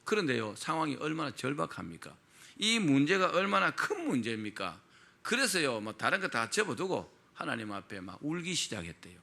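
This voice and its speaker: Gravelly, lively male pastor preaching. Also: a little high, a little fast. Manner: storytelling with frequent rhetorical questions to the congregation. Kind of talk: sermon.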